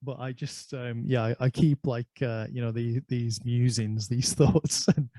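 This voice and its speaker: A man's voice: mid-range voice, fairly even intonation, unhurried, dark tone, dry recording. An Irish man hosting a casual conversation, chatty and anecdotal, telling stories from his life. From Ireland. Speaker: host.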